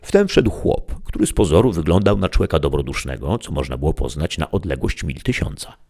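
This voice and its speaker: Deep-voiced man reading a classic novel. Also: lively intonation, a little fast, gravelly, darkish tone, husky. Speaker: audiobook narrator.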